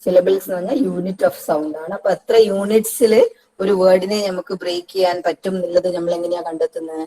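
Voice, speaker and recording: Over poor audio, an English tutor from Kerala, India, with a Malayali accent, delivers exam-prep pronunciation lessons mixing Malayalam and English, explaining each step and repeating key words. She speaks fairly quickly in a low, dark voice with fairly even intonation.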